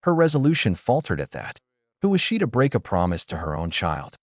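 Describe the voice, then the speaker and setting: Guy reading a fanfic aloud, low voice, really animated delivery. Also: brisk, no room sound, clean studio sound. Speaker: narrator. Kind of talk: storybook narration.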